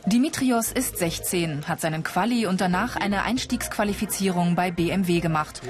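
Woman, news report narrator, low-pitched, calm scripted read, music underneath. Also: normal speed.

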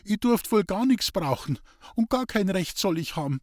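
A man's voice: high-pitched, big pitch swings, slow, no echo, studio quality, voice pushed up, heavily acted. A man voicing Julei, a coy, pouting young peasant girl with a dialect.

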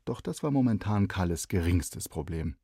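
A man narrating a children's story in an expressive, animated way. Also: low-pitched, moderate pace, slightly rough, dry recording, clean studio sound.

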